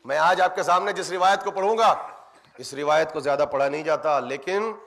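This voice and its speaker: A man's voice: a little high, fairly bright tone. A man preaching a mourning sermon, impassioned and speaking directly to the congregation in a religious center hall.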